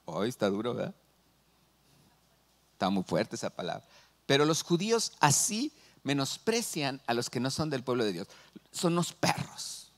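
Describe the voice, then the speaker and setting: A man's voice: medium pitch, moderate pace, long pauses. A middle-aged man with a Mexican Spanish accent, preaching a sermon as pastor and asking the congregation questions. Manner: animated, asks the congregation questions.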